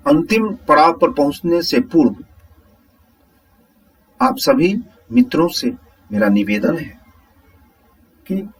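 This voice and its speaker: A man teaching a Hindi grammar lesson, explaining slowly step by step and asking the viewers whether it is clear. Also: a little high, very animated, distant mic, faint music behind, low-quality recording.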